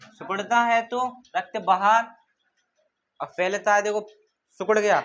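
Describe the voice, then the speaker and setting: A man's voice: high voice, steady tone, a little slow, fairly bright tone. A male teacher giving a classroom lecture. He asks questions and answers them himself, and repeats key terms in a call-and-response drill.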